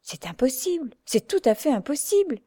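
A woman's voice: high-pitched, big pitch swings, moderate pace, dark tone, breathy edge, no room sound, clean studio sound, pitched above the performer's own voice, heavily acted. A woman reading the part of a blunt, exasperated male doctor who exclaims in troubled disbelief.

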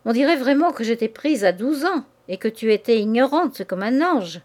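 A woman reading a novel aloud, giving voice to a brusque, scornful young man who talks roughly and impatiently. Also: on the high side, animated, normal speed, lightly acted. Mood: harsh.

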